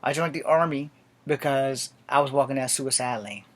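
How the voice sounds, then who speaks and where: A man's voice: medium pitch, moderate pace. A man in his late forties, an army veteran, speaking a blunt, profane and defiant personal monologue to camera. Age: 40s.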